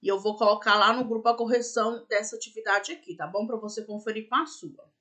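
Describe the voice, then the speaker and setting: A woman's voice: a little high, quick pace, fairly bright tone. A woman teaching a recorded remote class for young pupils, patiently walking through the tasks and spelling words out letter by letter. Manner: checks in with "né?" and "tá bom?". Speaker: primary school teacher.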